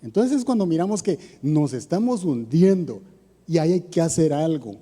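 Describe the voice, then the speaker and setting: A man with a Costa Rican accent preaches a sermon in a chatty, questioning manner. His voice sits a little high but sounds dark and mellow. A long church reverb trails behind every phrase. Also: lively intonation, moderate pace, breathy edge. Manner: conversational preaching with rhetorical questions.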